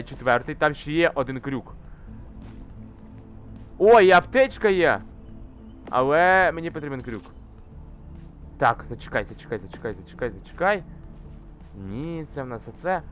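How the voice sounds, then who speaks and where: A young gamer with a slightly high voice gives casual let's-play commentary over faint game music. He swears constantly and shouts in frustration while climbing.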